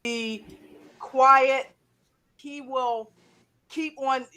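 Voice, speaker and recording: A woman's voice: high-pitched, steady tone, crowd noise. Woman on a glitchy, warbling call line. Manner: halting, repeating words as the line drops. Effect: glitchy, warbling video-call audio. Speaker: team member on a group call. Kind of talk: casual team meeting talk. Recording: distant, wobbly call line.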